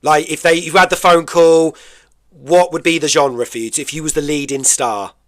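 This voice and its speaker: A British man hosting a radio movie-music show, talking with eager, chatty enthusiasm and frequent laughter. His voice sits a little high for a man. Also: fairly even intonation, moderate pace. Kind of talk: radio interview chat.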